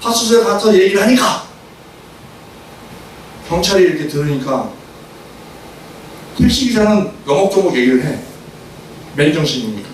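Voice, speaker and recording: Man preaching, high-pitched, acts out arguments, echoey distant hall sound, faint background noise. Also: normal speed, pauses often. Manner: animated storytelling, acts out quarrels with sudden shouts. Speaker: seminary professor preaching. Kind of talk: sermon with acted anecdotes.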